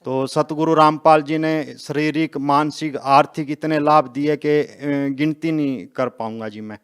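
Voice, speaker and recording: Man, 50s, earnest interviewee, smooth and resonant, steady flat delivery. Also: on the high side, a little slow. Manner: earnest, plain-spoken, polite. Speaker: interviewed devotee. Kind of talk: testimony interview.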